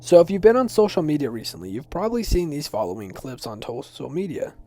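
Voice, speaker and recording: With a fairly high, mellow voice, a young man of teen to young adult age moves quickly through his explainer narration in a sing-song way. The video essay is informal and personal, semi-scripted, and set to background music.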